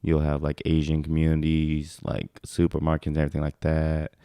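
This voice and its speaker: Very deep, dark-voiced young man. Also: fairly quick, smooth, dry recording, clean studio sound. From California, USA. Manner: relaxed, rambling with many fillers. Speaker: podcast guest. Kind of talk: casual chat.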